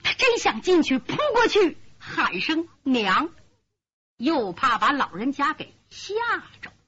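Woman pingshu storyteller, dramatic with sound effects, high animated voice, lo-fi. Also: a little slow.

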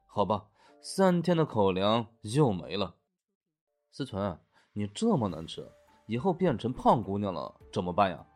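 A doting young man, as a male narrator voices him, soft and coaxing toward a little girl. His voice rises and falls in a lively way. Faint music plays underneath. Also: lowish voice, measured pace, voice pushed down. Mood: exasperated.

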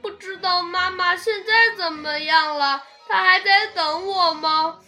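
A woman's voice: extremely high pitch, measured pace, sharp tone, faint music behind, pitched above the performer's own voice, exaggerated voice. A woman voicing a timid, tearful baby spinosaurus boy in a picture-book read-aloud, childlike and pleading. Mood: sad, curious.

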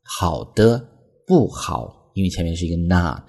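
A man teaching English phrases as a lesson, explaining patiently and reading example sentences slowly. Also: low voice, expressive, a little mellow, breathy edge. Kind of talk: language lesson.

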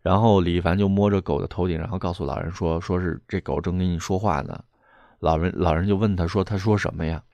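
A man's voice: low voice, fairly even intonation, quick pace, a little mellow, no echo, lo-fi sound. A man casually retelling a ghost-hunter story, wandering through fillers and restarts. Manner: meandering, full of fillers and restarts.

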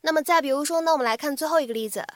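A woman teaches an English lesson in a fairly high, lively voice. She breaks points into short chunks and says each phrase again slowly. The sound is dry and close. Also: dry recording.

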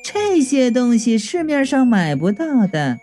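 Woman doing a slow flirty demon lady, sing-songy, kinda menacing under the sweetness. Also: sits high, animated, dark tone, faint music behind, pitched above the performer's own voice. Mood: soothing. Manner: slow, teasing, coquettish drawl. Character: sultry scheming female demon, coy and cold.

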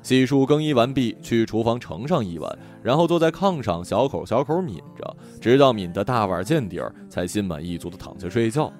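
Expressive male storybook narrator. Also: medium pitch, a little fast, hardly any pauses. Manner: gentle, expressive reading. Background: soft music.

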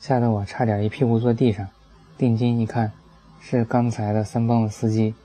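A man's voice: mid-range voice, little pitch movement, normal speed, mellow, low-quality recording. A man reading a personal essay aloud as an audiobook, telling it in a wry, dry way. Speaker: narrator.

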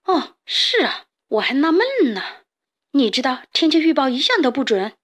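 A woman voicing a chatty male hedgehog who muses slowly about the weather in a children's storybook. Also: sits high, very animated, pitched above the performer's own voice. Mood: musing.

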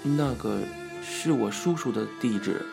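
A man's voice: lowish voice, unhurried, vocal fry, music in the background. A man doing a trembling, frightened young man. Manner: quiet, hesitant and trembling.

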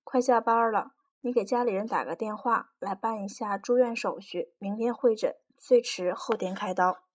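A woman voicing a middle-aged male doctor who talks calmly and matter-of-factly. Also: mid-range voice, moderate pace, slightly rough, natural voice. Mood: sympathetic.

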